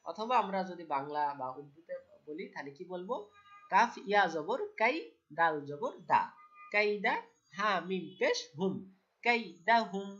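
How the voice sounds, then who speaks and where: A woman's voice: medium pitch, lively intonation, unhurried, a bit bright. A woman teaching Quran recitation, spelling out syllables one by one and asking listeners to repeat after her. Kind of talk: slow, patient Arabic letter-by-letter drilling. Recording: dull lo-fi sound.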